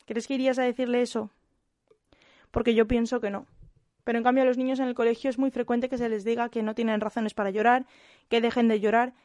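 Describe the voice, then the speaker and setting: A young woman from Spain with a Spanish accent, a kindergarten teacher giving a calm, reflective monologue with frequent hesitant restarts. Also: fairly high pitch, no echo, clean studio sound.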